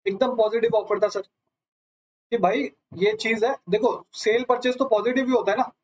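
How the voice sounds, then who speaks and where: A man's voice: very high-pitched, fairly even intonation, moderate pace, darkish tone, a little hiss or hum. A man teaching a live online lecture, asking his students question after question and calling them sir. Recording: slightly dull lo-fi audio.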